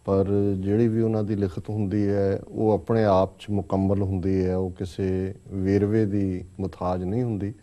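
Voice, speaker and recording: A man speaks as a talk-show political commentator and explains each point in a deliberate way. His voice is low and very dark, and his delivery stays flat and even.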